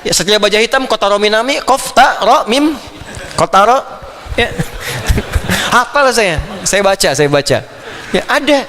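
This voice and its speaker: A man preaching a Quran commentary lecture to an audience, animated and playful, slipping into imitations of foreign phrases. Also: high voice, measured pace, big-room sound. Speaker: Islamic preacher.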